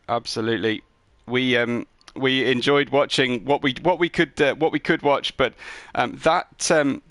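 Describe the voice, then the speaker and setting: A man's voice: mid-range voice, a bit bright, no echo. Male host, chatty post-race interviewer, dry close sound. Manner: upbeat, chatty, frequent ums. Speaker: league broadcast host.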